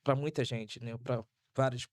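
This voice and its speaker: Carioca host, mid-pitched voice, affirming. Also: steady tone, normal speed, a little mellow, no room sound, clean studio sound. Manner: interjecting, affirming listener. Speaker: podcast host. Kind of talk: interview chat.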